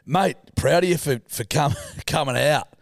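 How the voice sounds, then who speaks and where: A man's voice: a little high, unhurried, gravelly, no echo, clean studio sound. An Australian man co-hosting a podcast with casual, blokey, sweary banter. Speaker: podcast co-host.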